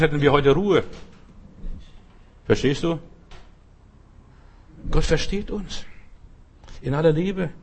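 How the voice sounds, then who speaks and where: Man, middle-aged, from the former Soviet Union, preacher, sermon, husky voice, speaks straight to the listener, dramatic shouted outbursts. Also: on the high side. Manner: dramatic, shouting out quoted cries for help; talks straight to the listener with repeated "verstehst du".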